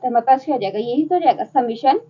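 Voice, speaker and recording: A woman's voice: high-pitched, lively intonation, fast talker, slightly rough, lo-fi sound. A woman with a Hindi accent teaching a math lecture step by step, asking and answering her own questions.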